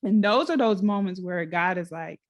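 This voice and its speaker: Animated woman telling stories on a podcast. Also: mid-range voice, normal speed. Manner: animated storyteller acting out quotes. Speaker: podcast co-host. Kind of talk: casual podcast chat.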